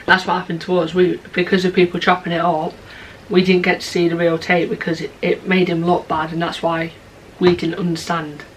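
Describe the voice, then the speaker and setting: A woman's voice: lowish voice, level tone, fairly quick, a little hiss or hum, poor audio. A young woman with a chavvy British accent, hosting a reaction video in casual, slangy chat. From Britain. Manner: slangy, informal speech.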